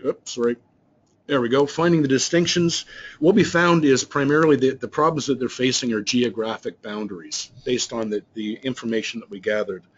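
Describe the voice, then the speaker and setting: On a lo-fi recording, a man with a medium-pitched voice explains slides during a webinar. He works as a business trainer, and his delivery wanders, full of fillers and false starts.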